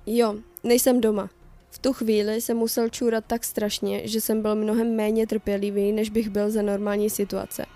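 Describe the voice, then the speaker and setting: A woman reading a translated first-person internet horror story aloud, in a steady, even storytelling manner. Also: medium pitch, few pauses, faint music behind. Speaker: reader of horror stories.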